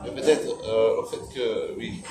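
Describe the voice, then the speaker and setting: A man in a casual French discussion, speaking haltingly and repeating words again and again as he searches for his point. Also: fairly low pitch, steady tone, very noisy. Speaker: debate participant. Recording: echoey room with loud music behind. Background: loud background music.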